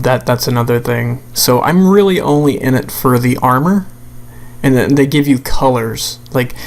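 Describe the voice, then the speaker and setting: Gravelly, exasperated man ranting. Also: medium pitch. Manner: exasperated, blunt, sweary. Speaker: gamer making a rant video. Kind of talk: unscripted video game rant commentary.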